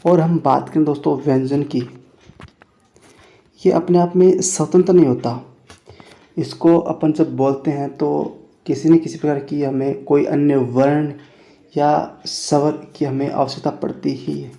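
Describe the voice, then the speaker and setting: A man teaching Hindi grammar in a classroom lesson, repeating phrases slowly and calling his listeners friends. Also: fairly high pitch, steady tone, vocal fry, mellow. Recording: echoey room.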